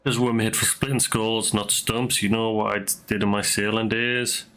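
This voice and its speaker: A man voicing a gruff, swaggering seafaring axeman from a fantasy game, reading the dialogue aloud. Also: fairly low pitch, level tone, moderate pace, a bit bright, soft background music. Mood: boastful.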